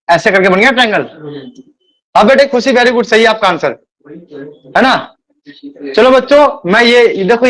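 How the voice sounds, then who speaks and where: A man's voice: extremely high pitch, a bit bright. A man teaching a math class, repeating himself and calling the students beta. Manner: admits speaking fast. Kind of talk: live online class lecture.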